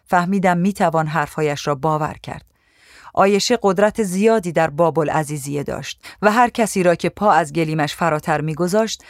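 A narrator reading a first-person memoir in a measured, somber way on a close mic. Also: mid-range voice, no room sound. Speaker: audiobook narrator.

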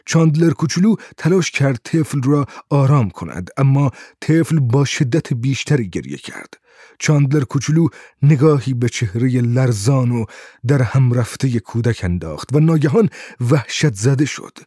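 Husky, dark-voiced male audiobook narrator. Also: medium pitch, no room sound, clean studio sound. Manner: steady, measured storytelling. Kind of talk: scripted narration.

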